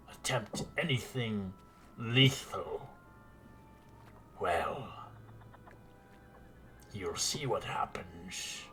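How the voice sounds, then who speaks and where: A man doing a slow, menacing lizardfolk warrior. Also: fairly low pitch, a little hiss or hum, heavily acted. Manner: slow, measured threats ending in a hushed whisper.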